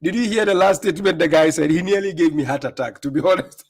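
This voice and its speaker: A man's voice: fairly high pitch, fast talker, darkish tone. A Ghanaian man hosting a live stream, reacting to clips with mocking commentary, laughing often and repeating himself.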